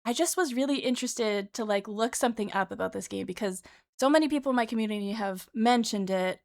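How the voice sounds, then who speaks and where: Casting: female streamer, fairly high voice, informal reaction chat, thinking aloud. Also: fast talker.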